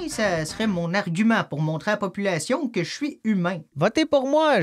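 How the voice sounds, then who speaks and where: A man with a Québécois accent giving a sarcastic, joke-filled video game review. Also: high-pitched. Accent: Québécois French. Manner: sarcastic, joking asides.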